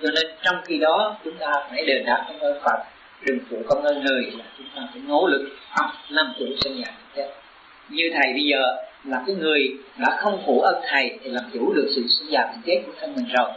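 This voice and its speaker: A man's voice: medium pitch, brisk, bright, forceful tone, a little hiss or hum. A man, a Buddhist teacher giving a sermon to his disciples. He speaks in an earnest, exhorting way and pushes up into urgent emphasis. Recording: roomy, dull lo-fi recording.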